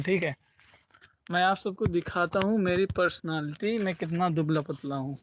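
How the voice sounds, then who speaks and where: A man's voice: sits high, fairly bright tone, slight background noise. A young man from the Sultanpur area chatting casually on a live stream to viewers outdoors by a lake, recorded on a phone without a separate mic, repeating himself and tacking "okay" onto his sentences. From Sultanpur region, Uttar Pradesh. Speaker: vlogger hosting a live stream. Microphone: phone mic, no separate microphone.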